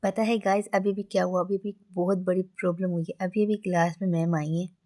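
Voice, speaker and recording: A woman's voice: on the low side, flat delivery, brisk, warm tone. A woman teaching an online English lesson in a chatty way, often turning to her students with playful asides.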